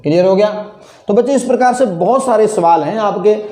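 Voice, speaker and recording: A man's voice: high voice, brisk, dark tone, roomy sound. A male English grammar teacher, lecturing classroom-style, drilling students with repeated questions.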